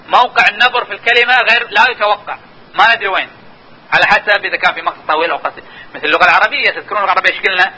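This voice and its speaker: A man's voice: high-pitched, sharp tone, rough recording. A man giving a linguistics lesson, explaining patiently and telling listeners to watch and notice. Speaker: linguistics lecturer. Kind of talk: classroom lecture.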